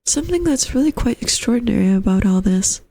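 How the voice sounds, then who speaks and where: A woman's voice: a little high, lively intonation, fast, vocal fry, dark tone. A woman voicing an earnest young male lodger in a story, musing in a hesitant, courteous way. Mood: earnest, puzzled. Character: polite, puzzled, earnest young man, a lodger. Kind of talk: storybook character voice.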